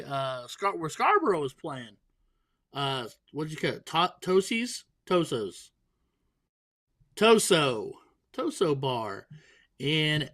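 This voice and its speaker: Slightly high-voiced male commentator. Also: pushed and bright. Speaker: darts commentator. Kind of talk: casual live sports commentary.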